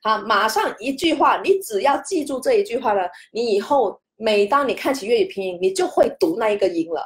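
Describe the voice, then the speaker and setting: A woman's voice: on the high side, expressive, a little fast. A woman hosting a casual spoken lesson. She chats, peppers her talk with "OK", and stretches out single syllables to show each tone rising, falling or staying level. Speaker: host and language teacher.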